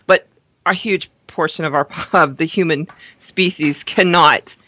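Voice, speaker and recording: A woman's voice: low-pitched, fairly even intonation, measured pace, sharp tone, husky, low-quality recording. A woman co-hosting a casual talk radio show, chatting and hedging with frequent fillers. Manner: chatty, hedging, laughs often.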